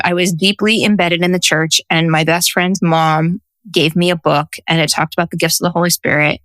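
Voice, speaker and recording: Lower-voiced woman in her forties, animated. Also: no echo. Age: 40s. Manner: animated storyteller who acts out quotes. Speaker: guest, social worker and intuitive coach. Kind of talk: casual interview conversation.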